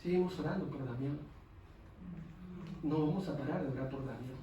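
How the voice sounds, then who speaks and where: A man's voice: mid-range voice, normal speed, mellow. A man preaching a sermon as pastor, emphatic and repetitive. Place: church. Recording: echoey church hall from a distance, faint noise.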